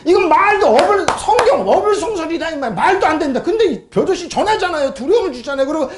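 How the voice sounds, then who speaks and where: A woman pastor delivers an emphatic sermon, reading scripture and throwing rhetorical questions at her congregation. Her pitch swings widely as she presses each point. The recording carries the roomy echo of a church hall.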